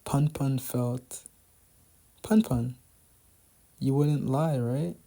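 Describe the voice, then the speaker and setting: A man reading a manga aloud as narrator, in a subdued, quiet manner. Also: mid-range voice, drawn-out words, gravelly. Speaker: manga reader.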